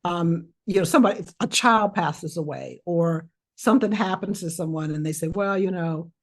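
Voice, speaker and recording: A woman with a fairly low voice, speaking as a podcast guest. She talks reflectively. She often hesitates and circles back before finishing her thought. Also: moderate pace. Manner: thoughtful, hesitant, with many fillers. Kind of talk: conversational interview.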